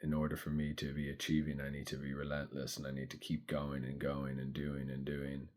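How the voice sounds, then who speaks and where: A man in his thirties speaking slowly and thoughtfully in a reflective personal monologue. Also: a bass voice, monotone. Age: 30s. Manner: slow, thoughtful, soft-spoken. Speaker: vlogger.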